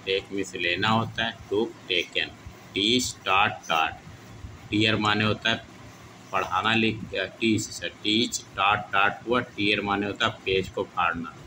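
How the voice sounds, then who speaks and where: A man teaching English grammar in Hindi with a Hindi accent, repeating each verb form slowly in drill style. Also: fairly low pitch, steady tone, bright, forceful tone, slight background noise, rough recording. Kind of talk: classroom lesson reciting verb forms.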